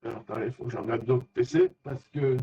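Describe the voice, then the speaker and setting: This amateur radio operator talks shop in a relaxed way, pausing often as he hunts for the right word. His voice is mid-range yet swings hugely in pitch, with vocal fry and a slight roughness, all heard through dull, lo-fi radio audio.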